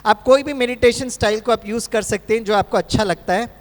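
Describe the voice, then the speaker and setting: High-voiced man lecturing in a reverberant hall. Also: fairly quick. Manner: storytelling, acts out dialogues, repeats key phrases. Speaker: motivational speaker on heart health and meditation. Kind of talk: live seminar talk mixing Hindi and English.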